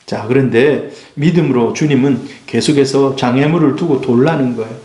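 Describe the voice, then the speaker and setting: The sermon comes from a South Korean pastor in a church sanctuary, where the hall's echo is audible. He speaks at normal speed in a mid-range, dark voice, emphatic and full of rhetorical questions for the congregation.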